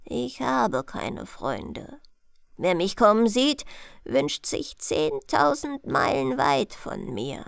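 A woman voicing Death, a bored and menacing male skeleton, with a slow, low, yawning drawl in a storybook reading. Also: sing-song, vocal fry, dry recording, clean studio sound, exaggerated voice. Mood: gloomy.

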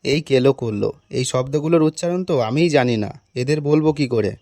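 A man's voice: mid-range voice, moderate pace, mellow, dry recording, voice pushed down, lightly acted. A man voicing a bumbling male schoolteacher who bluffs his way through class, muttering nervous asides to himself. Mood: flustered. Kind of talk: animated cartoon voice acting.

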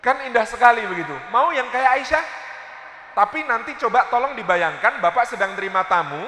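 A man preaching a sermon in a large mosque, telling stories with lively, playful asides to the audience. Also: very high-pitched, fairly quick. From Indonesia. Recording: echoey hall reverb.

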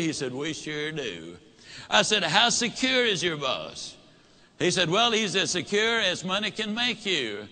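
A man's voice: on the high side, pushed and bright, a little hiss or hum. A man giving a motivational talk, telling a story and acting out both sides of a conversation. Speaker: motivational speaker.

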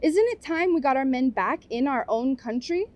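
A woman's voice: sits high, expressive, moderate pace, a little mellow, highs cut off. A woman voicing a determined young village woman who leads her friends, speaking in an earnest, rallying way.

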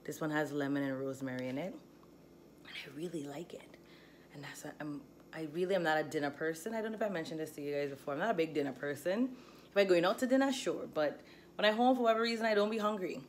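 The thirtysomething woman from St. Croix in the US Virgin Islands speaks very fast in a low voice, her Crucian accent clear as she chats casually for a vlog. She holds the phone at arm's length, and the recording is noisy.

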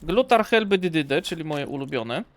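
A man's voice: on the high side, expressive, normal speed. A young man giving playful let's-play commentary, joking and talking to the corpse and the game as he plays. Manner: jokey, talks to the corpse and the game. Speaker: gamer streamer.

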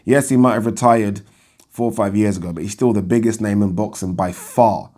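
A man in his thirties with a croaky, just-woken voice, giving casual commentary to camera in a conversational way. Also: on the low side, a little fast, dark tone. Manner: conversational, rhetorical questions with 'right?' tags. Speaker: boxing talk show host. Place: indoors, small furnished room.

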